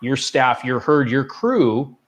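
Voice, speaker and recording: A man's voice: mid-range voice, very animated, slow. A male co-host of a live business talk show, talking casually and with animation, often repeating words. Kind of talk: casual panel chat.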